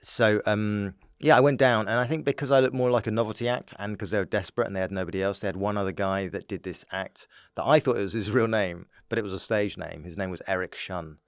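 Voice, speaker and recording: Talking fast and barely pausing, a lowish-voiced English comedian from Dorset spins anecdotes as a podcast guest, riffing playfully and often cracking up laughing. The casual chat is smooth and studio quality, with a dry recording.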